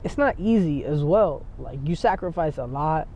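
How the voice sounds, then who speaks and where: A young San Diego man, on as a rapper guest, talks in a fairly high, lively voice at a moderate pace with a darkish tone. It's a casual interview chat, and he's laid-back and rambling, loaded with filler words. The outdoor recording sounds dull and lo-fi.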